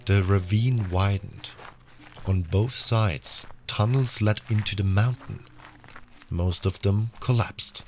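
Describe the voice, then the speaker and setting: A man playing a newly arrived, wary prison inmate who narrates his own story in a measured audio drama style. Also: on the low side, darkish tone. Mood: measured, reflective. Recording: music under the voice.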